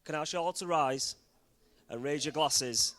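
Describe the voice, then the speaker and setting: A man's voice: on the high side, normal speed, a bit bright. Man giving a jokey wedding toast. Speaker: wedding speaker proposing a toast.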